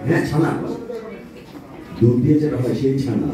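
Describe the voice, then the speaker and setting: A man's voice: mid-range voice, lively intonation, moderate pace, dark tone, slight background noise. A man playing the scolding, explaining straight man in a comic puppet stage act. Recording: very echoey hall, distant mic, audience.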